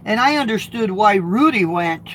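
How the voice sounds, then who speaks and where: A middle-aged trucker from the US chats animatedly with his viewers at normal speed while reading their comments from the truck. His gravelly, high-pitched voice is a bit bright, and he rambles, repeats words and restarts a lot. The audio is poor, with a little hiss or hum.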